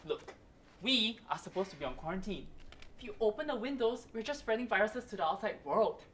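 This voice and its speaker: An actor playing a sulky, defensive youngest brother in a stage play. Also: male voice, high voice, animated, fairly quick, fairly bright tone, a little hiss or hum. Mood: teasing. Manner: sulky, whiny. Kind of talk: stage acting.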